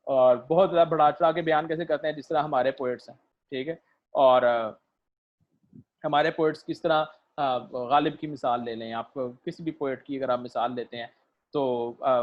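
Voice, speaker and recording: Man lecturing, checking in constantly. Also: medium pitch. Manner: keeps checking "theek hai?" and fills pauses with "uh", mixing in English terms. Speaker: literature lecturer. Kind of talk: recorded lecture. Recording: dull lo-fi recording.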